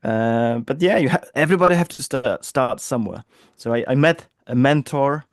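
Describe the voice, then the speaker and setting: In this casual interview, the guest is a business coach in his thirties, originally from Poland, talking from his home office in London. He has a Polish accent and an upbeat, chatty manner with many fillers, speaking at medium pitch and a moderate pace. The clean studio recording has no echo.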